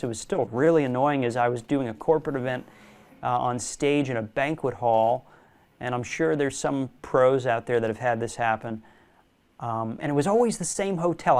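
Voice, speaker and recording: A young man, a magician guest in a casual interview, telling animated stories and laughing often. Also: medium pitch. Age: young adult.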